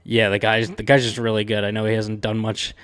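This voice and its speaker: A man's voice: lowish voice, level tone, fairly quick, a bit bright, clear, resonant tone. A man hosting a sports betting picks show, talking casually and upbeat, with slangy sports talk and lots of "um" and "uh" fillers. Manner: chatty and upbeat, with frequent "um" and "uh" fillers.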